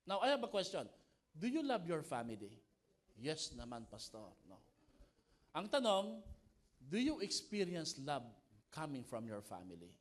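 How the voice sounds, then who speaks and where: A man preaching a sermon in a high, very lively voice. He is animated and jokey, and keeps throwing questions out to the congregation. He sounds like a pastor speaking at a live church service. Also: measured pace, pauses often.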